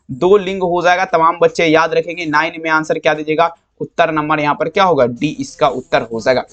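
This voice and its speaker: A man's voice: high-pitched, a bit bright. A man teaching students, going over exam answers with affectionate, repetitive coaching. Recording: slightly dull lo-fi sound.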